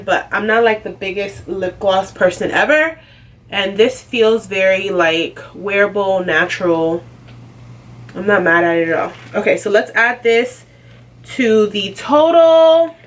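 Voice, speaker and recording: A woman's voice: medium pitch, a bit bright. A young woman chatting casually as a beauty vlogger, full of "like" and "um" as she goes. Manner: chatty, lots of "like" and "um". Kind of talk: casual unboxing chat. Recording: slightly distant, faint background noise.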